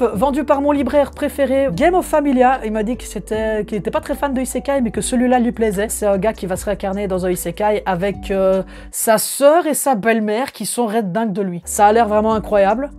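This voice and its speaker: A man's voice: sits high, darkish tone. A young man in his twenties, an enthusiastic manga collector showing off his purchases in a casual video at home, often hesitating with fillers. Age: 20s.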